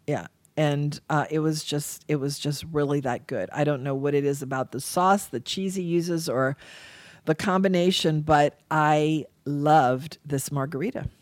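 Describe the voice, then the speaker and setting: A woman talk show host chats casually in a notably low voice. She repeats phrases for emphasis. The studio sound is close and dry. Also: a little slow, a little mellow, no room sound. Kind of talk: casual chat. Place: radio studio.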